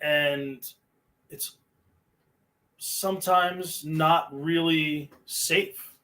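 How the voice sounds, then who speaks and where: Slow-talking high bright-voiced man. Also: fairly even intonation. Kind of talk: casual chat.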